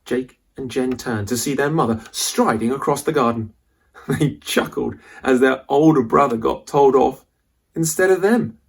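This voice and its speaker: A children's adventure story gets a suspenseful, dramatic reading from a man with a mid-range voice, vocal fry and a breathy edge, who takes his lines deliberately.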